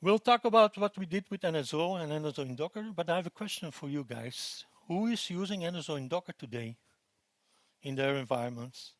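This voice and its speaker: A man from Belgium in his forties, giving a relaxed technical conference talk with frequent fillers and restarts. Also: on the high side, fairly quick, no room sound. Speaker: conference presenter. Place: conference room.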